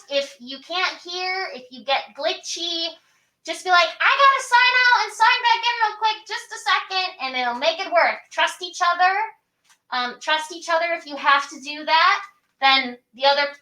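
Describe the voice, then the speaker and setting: A woman's voice: high-pitched, bright, forceful tone. A woman giving an upbeat, encouraging pre-show pep talk to her cast over a video call. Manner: upbeat and encouraging, trails into fillers. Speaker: theatre director. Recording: echoey room.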